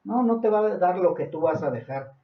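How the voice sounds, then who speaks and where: A male pastor with a fairly high voice preaches a sermon, building to forceful repeated questions and easing back down to quiet lines. The recording is dull and muffled, and the church room echoes around him. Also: animated, a little fast. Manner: preaches with rising emphatic questions and drops to quiet reflective lines. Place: church hall.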